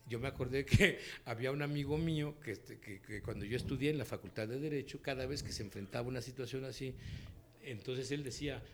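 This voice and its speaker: Mexican male voice actor, animated raconteur, slangy, mid pitch, faint hiss. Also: fast. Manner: animated storyteller, acts out quotes, laughs often. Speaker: voice actor and dubbing director. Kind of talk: relaxed interview storytelling.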